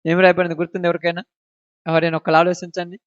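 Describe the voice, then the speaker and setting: A male pastor preaching a sermon. He fires rhetorical questions at his listeners and swings from loud declarations to low asides. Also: completely flat delivery, very fast, clear, resonant tone, no echo. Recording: dull, dry lo-fi recording.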